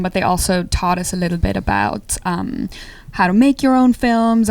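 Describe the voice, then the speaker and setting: A young adult woman from Austria, an actress and filmmaker, chatting upbeat and easily in a casual interview. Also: medium pitch.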